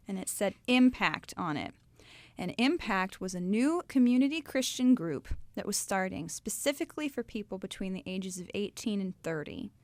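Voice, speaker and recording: A young woman from Ohio telling her faith story to a live audience in a lively, chatty way. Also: medium pitch, no echo. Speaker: speaker telling her testimony.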